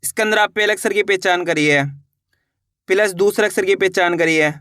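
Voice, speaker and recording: Man slowly sounding out words. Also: high voice, pushed and bright, clear, resonant tone, no echo, studio quality. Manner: sounds out letters slowly, stretching vowels; repeats each word after "how will we read it?". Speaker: Hindi reading teacher. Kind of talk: patient spoken lesson.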